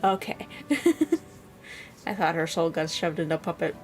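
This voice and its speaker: A woman's voice: lowish voice, big pitch swings, takes it slowly, darkish tone, soft background music. A young woman game streamer, chatty with laughing asides, commenting and reading dialogue aloud.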